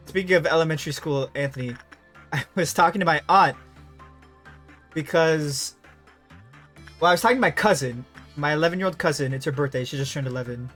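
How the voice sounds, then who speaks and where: Young male streamer, loose and profane, mid-range voice, soft music under him. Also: medium pitch. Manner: animated, profane, rambling anecdotes. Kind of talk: casual live-stream chat and storytelling.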